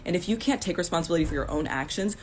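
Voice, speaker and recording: A woman's voice: fairly low pitch, animated, rapid-fire, a little mellow, a little hiss or hum. Blunt scolding woman ranting to camera. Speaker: commentator. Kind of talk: direct-to-camera rant.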